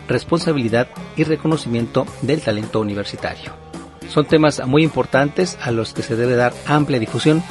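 A man's voice: mid-range voice, darkish tone. Formal man hosting a show. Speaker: radio show host. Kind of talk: broadcast interview and commentary.

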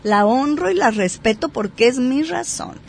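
Animated woman therapist explaining. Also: high voice, moderate pace, vocal fry, slight background noise. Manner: animated, acts out example dialogues. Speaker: psychotherapist. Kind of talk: explanatory talk show chat.

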